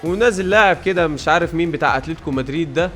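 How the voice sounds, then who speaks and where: A man's voice: a little high, racing, fairly bright tone, faint music behind. A man with an Egyptian Arabic accent giving chatty gameplay commentary, talking to the game and his viewers as he groans at misses and cheers at wins. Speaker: gaming YouTuber.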